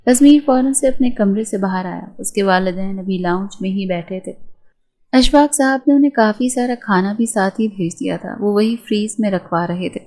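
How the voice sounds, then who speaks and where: Mellow-voiced woman narrating a romance novel. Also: medium pitch.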